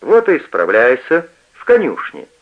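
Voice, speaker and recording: Guy reading as a harsh old dad barking orders, raised louder voice, dull old radio sound. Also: medium pitch, huge pitch swings, normal speed, pitched above the performer's own voice. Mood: commanding. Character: stern, domineering old father, a cab owner.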